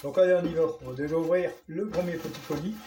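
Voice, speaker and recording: A man with a northern French accent, chatting through an unboxing vlog, excited and stumbling over his words. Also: a little high, fast talker, noisy background. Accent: Ch'ti. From northern France. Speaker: vlogger.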